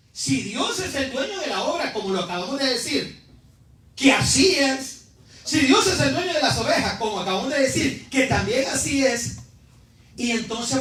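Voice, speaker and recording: A male pastor preaching a sermon, shouting refrains and calling on the congregation to answer. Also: extremely high pitch. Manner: animated preaching, shouting refrains, calls for responses. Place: church sanctuary. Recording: echoey church hall, mic at a distance.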